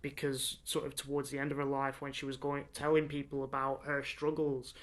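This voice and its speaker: A man's voice: mid-range voice, monotone, a little fast, a bit bright. A young man co-hosting a podcast, chatting casually and enthusiastically, rambling with lots of fillers. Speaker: podcast co-host. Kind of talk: casual chat.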